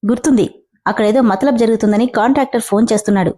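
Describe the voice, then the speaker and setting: A woman's voice: on the high side, very fast, mellow, lightly acted. A woman reading the lines of a scheming, sarcastic middle-aged man. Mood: sneering. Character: scheming, sneering middle-aged brother-in-law.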